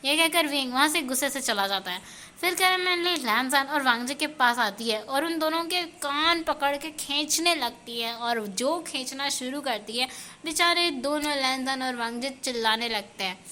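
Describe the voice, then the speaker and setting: A woman narrating fan fiction as a lively storybook reading. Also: sits high, moderate pace, slight background noise.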